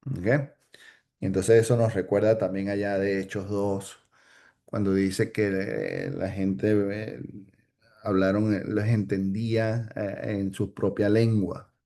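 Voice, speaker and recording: A man's voice: fairly low pitch, little pitch movement, slow pace, dark tone. A man teaching an informal Bible study, hesitant, with many fillers and restarts, often checking in with "ok?".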